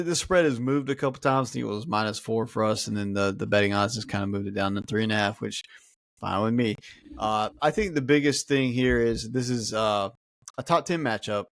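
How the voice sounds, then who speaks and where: A man's voice: medium pitch, fairly quick, no echo, clean studio sound. A man co-hosting a sports podcast, chatting casually with joking asides and lots of fillers. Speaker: podcast co-host.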